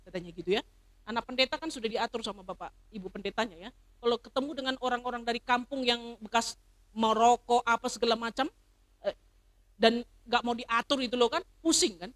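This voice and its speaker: A middle-aged woman pastor preaching a sermon, swinging from loud emphatic declarations to soft personal stories. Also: fairly high pitch, brisk. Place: church service.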